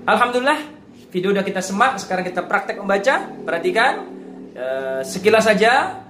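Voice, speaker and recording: High-pitched man teaching in a roomy echo. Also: sing-song, fairly quick. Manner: didactic, repeats key points and sounds out syllables. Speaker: Quran recitation teacher. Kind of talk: instructional lesson for beginners, demonstrating letter sounds. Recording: roomy echo, distant mic, faint noise.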